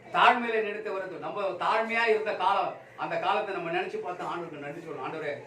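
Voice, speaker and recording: A male pastor giving a Sunday sermon with emphatic, repetitive exhortation, swinging between loud raised calls and quiet low passages. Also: fast. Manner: emphatic preaching with repeated phrases. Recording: echoey room, from far off, faint background noise.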